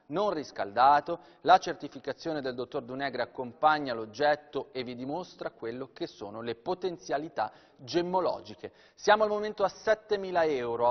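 Male auctioneer in a very reverberant hall. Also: fairly high pitch. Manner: descriptive sales patter with repeated phrases. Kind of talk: live televised auction sales commentary. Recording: dull, very reverberant hall sound.

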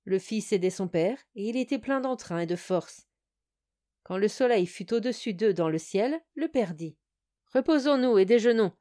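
A woman narrating a classic fairy tale for an audiobook. Her voice sits at an ordinary middle pitch. She tells the story calmly and clearly. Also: moderate pace, no room sound, clean studio sound.

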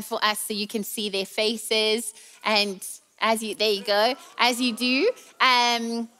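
This woman in her thirties has a South African accent and a voice on the high side, bright and forceful. She preaches a sermon from a large church stage, keeping it chatty, playful and teasing.

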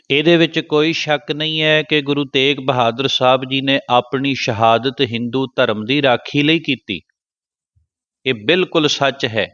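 A Punjabi man giving a Sikh religious discourse, slowly intoning scripture lines and then explaining them quickly. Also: mid-range voice, fairly bright tone, no echo, highs cut off. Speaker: Sikh preacher.

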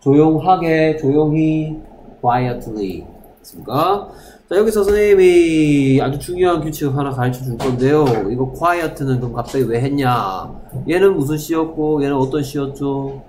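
A man's voice: a little high, unhurried, a little mellow, slight background noise. A male English teacher who runs a class lesson, drilling words aloud and putting questions to his students.

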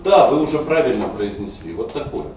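A man teaching a class gives a screencast lecture on Russian stress, explaining pronunciation rules and sounding words out. His voice runs on the low side with big pitch swings, brisk and a little mellow, over soft background music. The room is very echoey, the mic distant, with faint noise.

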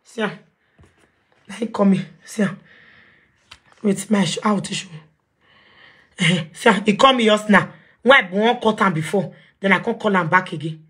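A woman with a Nigerian accent hosting a live video call, animated and confrontational, mixing Pidgin English. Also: mid-range voice, moderate pace, long pauses. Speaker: talk show host.

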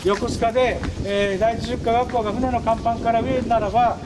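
A man, giving a folksy guided-tour explanation with drawn-out fillers and anecdotes. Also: very high-pitched, little pitch movement. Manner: folksy, drawn-out fillers and frequent tag words. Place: open outdoor grounds. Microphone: camera a few steps away. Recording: outdoor camcorder audio with clear ambient noise.

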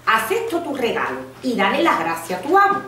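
A woman's voice: a little high, huge pitch swings, fairly quick, sharp tone, a little hiss or hum, exaggerated voice. Delighted fairy-tale king, voiced by a woman, exclaiming and pleased, roomy distant sound. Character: delighted old storybook king. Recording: echoey room, mic far off.

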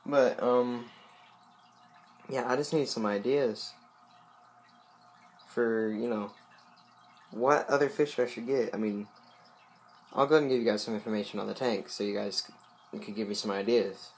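A man's voice: mid-range voice, fairly even intonation, normal speed, long pauses. Rambling young man by his fish tank. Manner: rambling, many fillers and asides. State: voice a bit loose. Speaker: aquarium vlogger. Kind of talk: casual rambling chat.

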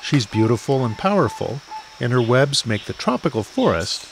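A man's voice: mid-range voice, very animated, moderate pace, background noise. A man narrating a scripted nature documentary with an informal, wryly playful manner.

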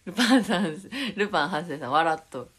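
A woman's voice: fairly low pitch, lively intonation, a little fast, fairly bright tone, slightly rough. A young woman with a Tokushima dialect, chatting casually on a live stream and reading viewer comments aloud with frequent giggles. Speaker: idol livestreamer.

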